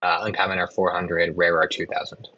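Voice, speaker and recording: A man serving as dungeon master, explaining rules and narrating in a relaxed way with lots of ums and uhs. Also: low voice, brisk, no room sound, muffled recording. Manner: relaxed, with frequent "um" and "uh". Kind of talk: running a tabletop game.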